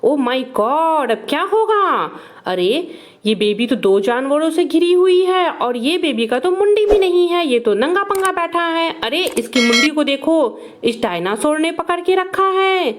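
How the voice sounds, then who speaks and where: High-pitched, excitable woman narrator. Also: moderate pace, few pauses, a little hiss or hum. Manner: animated, exclamatory, repeats words in bursts. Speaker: toy video narrator. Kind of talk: excited narration of toy play for kids.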